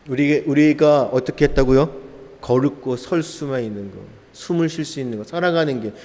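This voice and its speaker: A male pastor preaching a sermon, firing off rhetorical questions and answering them himself, swinging between loud emphatic lines and quiet low ones. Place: church sanctuary. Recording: church hall reverb.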